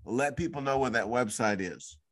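Male host, polite interviewer with a middle-pitched voice. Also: normal speed, fairly bright tone. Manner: polite, asks guiding questions. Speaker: podcast host.

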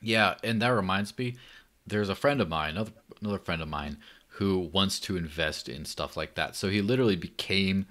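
A man chatting casually on a panel, telling an animated story and acting out the quotes. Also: sits low, a little fast.

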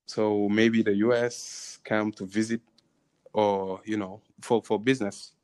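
A man with a Senegalese accent gives conversational interview answers. His voice sits on the low side and moves very little in pitch. He is hesitant, often repeating a phrase before he carries on. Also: level tone, measured pace, darkish tone, clean tone. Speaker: interviewee, tourism venture co-founder.

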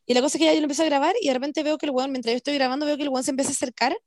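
A young Chilean woman tells a story at a quick clip over a video call, her voice bright and high. The sound is dry and close, with no room behind it. She talks with lively, slangy energy and stops to correct herself often. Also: no echo. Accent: Chilean Spanish. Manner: animated storytelling, lots of slang and restarts. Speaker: friend telling a story. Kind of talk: casual chat.

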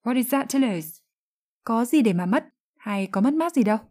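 Calm woman teaching English phrases. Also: a little high, normal speed. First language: Vietnamese. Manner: calm, clear, careful enunciation of English examples. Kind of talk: explaining English phrases in a lesson.

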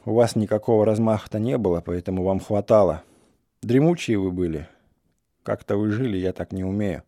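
A man's voice: on the low side, a little fast, dark tone, no echo, clean studio sound, close to an everyday voice. A man voicing a restless young village man who talks in heated, sardonic bursts. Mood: restless, bitter. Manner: heated, sardonic, rising outbursts.

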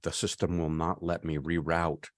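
A man's voice: low-pitched, level tone, moderate pace. A man in his fifties co-hosting a podcast, telling a long story in casual chat with many restarts. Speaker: podcast co-host.

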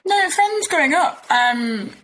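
A woman's voice: sits high, expressive, takes it slowly, a bit bright, slight background noise, low-quality recording. A young woman, an athlete chatting modestly and laughing easily as an interview guest. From East Yorkshire, England. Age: 20s. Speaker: ocean rowing athlete, guest. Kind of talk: casual interview chat.

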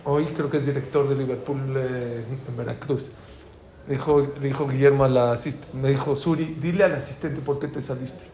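A middle-aged man with a Mexican Spanish accent leads an informal religious class, his medium-pitched voice moving at a moderate pace. He's a lively storyteller who shares anecdotes and acts out the dialogue. The room is echoey, with faint ambient noise.

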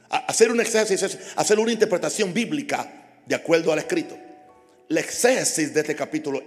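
Fiery preaching man in echoing hall. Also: on the high side. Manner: impassioned, builds to shouting with repeated phrases. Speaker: pastor. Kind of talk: sermon. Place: church hall.

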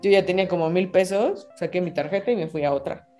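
A young woman with a Mexican accent, a podcast guest telling an animated anecdote and mimicking voices and sounds. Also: fairly low pitch, quick pace, faint music behind. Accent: Mexican Spanish. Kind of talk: casual chat.

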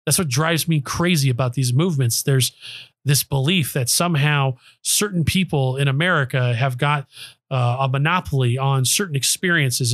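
A man's voice: mid-range voice, a bit bright, dry recording, studio quality. A man hosting a podcast, delivering an emphatic, sarcastic political monologue into a microphone. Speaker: podcast host. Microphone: close studio microphone.

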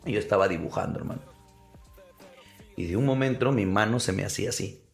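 A young man, a podcast guest telling an animated personal story and calling the listener brother. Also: on the low side, fast talker, vocal fry, faint music behind. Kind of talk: storytelling in casual interview.

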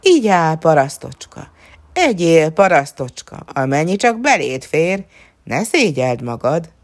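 A woman's voice: sits low, big pitch swings. A woman voicing a greedy, proud lord who speaks in a wheedling, coaxing way. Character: greedy, proud male lord, fawning then furious.

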